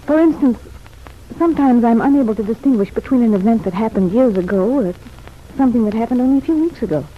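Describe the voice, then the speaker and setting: In an old radio soap opera, an actress plays a cultivated, self-examining young woman convalescing in a sanitarium, delivering formal, articulate lines with hesitant phrasing. Her slightly high voice is animated and fast, lightly acted, with an earnest, reflective mood. The recording is old, muffled, and noisy.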